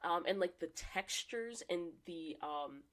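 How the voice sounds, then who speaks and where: A woman co-hosting a podcast, upbeat and chatty, with plenty of fillers. Her voice sits on the low side for a woman. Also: animated, slow, fairly bright tone. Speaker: podcast co-host. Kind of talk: casual chat.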